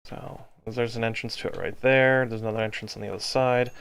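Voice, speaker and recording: A man with a gravelly, middling-pitched voice talks through his video game in a casual, halting way. He sounds worn out and thinks aloud as he goes, with faint music playing behind him. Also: fairly even intonation, fairly bright tone. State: exhausted. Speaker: gaming video host. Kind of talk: casual gameplay commentary.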